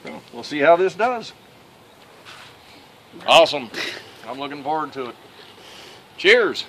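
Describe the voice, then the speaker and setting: This cooking channel host is a folksy Southern man grilling outside, his voice on the high side and a little slow. He narrates casually and with self-amusement, starting in the backyard before heading indoors. Crickets and insects sound in the background, with a slight hiss or hum.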